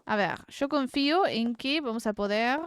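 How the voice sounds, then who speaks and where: A woman streamer with a Rioplatense accent giving casual gameplay commentary, reading game text aloud and swearing in excited outbursts. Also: a little high, moderate pace, clean tone. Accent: Rioplatense Spanish.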